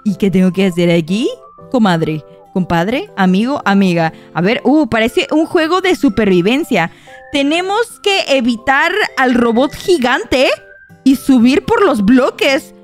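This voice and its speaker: A young woman narrates her game for viewers in a high, very lively voice that leaps up and down. She is excitable and shrieks when something startles her. Faint music plays behind her. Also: unhurried. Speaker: gaming YouTuber. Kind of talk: Roblox gameplay commentary.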